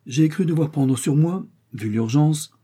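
A man's voice: a little high, measured pace, dark tone, slightly rough, voice pushed up. A man voicing a vindictive revolutionary official who speaks in a dry, incisive, self-righteous way. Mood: smug.

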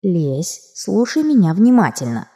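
A woman's voice: on the low side, fairly quick, dark tone, lightly acted. A woman voicing a cheeky, sardonic male arctic fox familiar in an audiobook, with a snide, mocking manner. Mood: coaxing.

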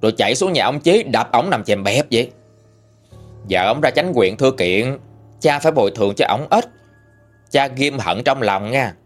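A man with a Southern Vietnamese accent telling a ghost story in a folksy, animated way. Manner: folksy, animated retelling with lively pitch swings.

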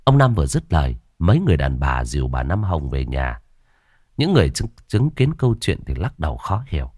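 A man narrating a ghost story in a steady, dramatic way. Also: a bass voice, fairly quick, dry recording, clean studio sound.

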